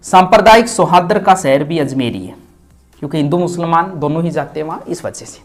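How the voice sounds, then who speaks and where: A man's voice: on the high side, fairly quick, soft background music. A male teacher, giving an exam-prep lecture, stressing key words and offering memory tricks.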